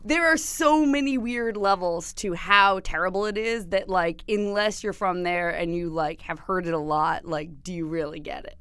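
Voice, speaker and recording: A woman from Massachusetts co-hosting a podcast in casual comedic chat, joking and animated. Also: fairly low pitch, normal speed, few pauses, clean tone, dry recording, studio quality. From Massachusetts, USA. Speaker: podcast co-host.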